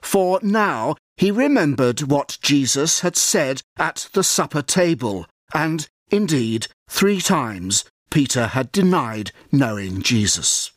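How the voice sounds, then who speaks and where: A man narrating a scripted storybook in a measured, solemn way. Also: on the high side, big pitch swings, no echo, studio quality.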